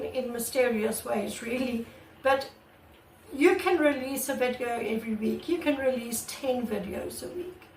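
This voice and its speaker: This artist vlogger has a high, croaky voice and talks to her viewers in a casual, earnest way, full of repetition and restarts. The audio comes from a camera mic instead of a real microphone, placed far from her in an echoey room, with a little background noise.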